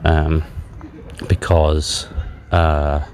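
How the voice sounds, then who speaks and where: Very deep, downcast man on a dictaphone. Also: level tone, darkish tone. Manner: hesitant, halting, candid with frequent long pauses; low-spirited, subdued, self-deprecating. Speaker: podcast host. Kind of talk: casual, confessional audio diary on a voice recorder. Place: outdoors in a public park while out walking. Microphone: handheld voice recorder. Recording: handheld dictaphone recording outdoors, background noise. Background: outdoor park ambience.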